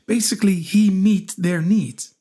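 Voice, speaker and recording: A man in his forties co-hosting a relationship podcast, talking in an animated, teasing way and often repeating his words as he starts a thought. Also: high-pitched, unhurried. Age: 40s. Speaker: podcast co-host. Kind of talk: casual chat.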